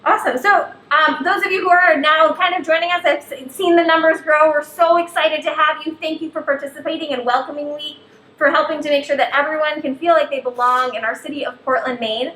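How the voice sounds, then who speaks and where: A woman with a high, steady voice talks fairly quickly in a pushed, bright tone while hosting a live cooking show. She's upbeat and speaks directly to viewers at home, and the kitchen sounds echoey with faint background noise.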